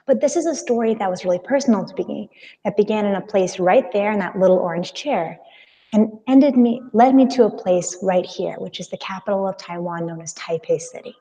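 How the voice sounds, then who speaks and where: Over a live video call with screen sharing, a young woman from California, with a Californian American accent, speaks to school classes as a guest presenter, an explorer and storyteller. Her medium-pitched, warm voice is informal, enthusiastic, fairly quick, and youthfully casual, though the recording is rough.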